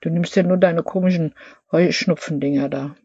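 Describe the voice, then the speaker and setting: A woman's voice: low voice, steady tone, normal speed, warm tone, husky, no echo. A middle-aged woman in casual bickering chat with her partner, answering with dry, sulky retorts. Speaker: vlog co-host, partner. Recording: dull muffled dry sound.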